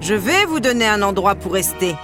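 A woman's voice: medium pitch, very animated, moderate pace, natural voice. A woman voicing a monstrous male beast who growls and roars at an intruder, over background music. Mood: hostile. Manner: growling, roaring threats.

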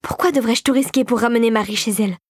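A woman's voice: fast, dry recording, studio quality, natural voice. Woman voicing a spiteful sugar plum fairy. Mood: peevish. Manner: peevish, scheming, by turns shrill and hushed.

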